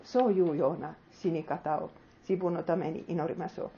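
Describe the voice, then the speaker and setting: A woman's voice: on the low side, fairly even intonation, normal speed, dark tone, highs cut off. A woman preacher giving an earnest sermon that she closes with a prayer, putting questions to her listeners.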